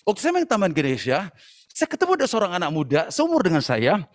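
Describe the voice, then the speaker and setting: A man preaching a passionate sermon to young people at an online church service, at times shouting and dropping English phrases into his talk. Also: high voice, huge pitch swings, fast talker. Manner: addresses listeners as brothers and sisters.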